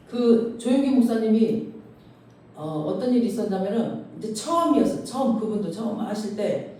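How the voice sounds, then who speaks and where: A woman pastor preaching in her church, spinning a story and acting out its voices with chatty asides. Her tone is dark and mellow. The sound booms around a very reverberant hall, caught from far away. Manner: storytelling, acts out quoted voices, informal asides. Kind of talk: sermon. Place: church sanctuary. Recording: very echoey hall, far from mic.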